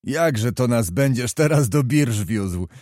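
A man voicing a calm, grave male officer who mocks with dry irony. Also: mid-range voice, slow pace, no echo.

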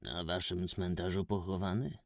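A man reading as a hushed, weary gentleman stranger. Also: deep voice, fairly even intonation, moderate pace, dry recording, clean studio sound. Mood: subdued sorrowful. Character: reserved, weary gentleman stranger, middle-aged. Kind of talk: audiobook character voice.

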